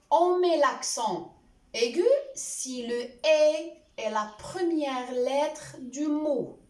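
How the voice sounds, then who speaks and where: A woman teacher giving a spelling lesson, deliberately spelling out letters and examples one by one. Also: sits high. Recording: echoey room, voice a little far from the mic.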